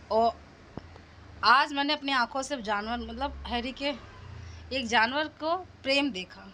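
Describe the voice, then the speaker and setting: A middle-aged woman chats at home into a phone camera, her voice sitting a little high. Her talk is casual and homely, and a faint room ambience hums behind her. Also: fairly bright tone, slight background noise. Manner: talks to her dog in high coaxing calls. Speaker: vlogger. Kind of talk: casual home vlog narration.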